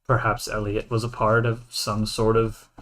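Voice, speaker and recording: A man's voice: lowish voice, monotone, normal speed, fairly bright tone, close to an everyday voice. A man in a tabletop game voicing a stiff, formal character who announces each remark with a label before saying it. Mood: measured. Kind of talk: in-character tabletop role-play.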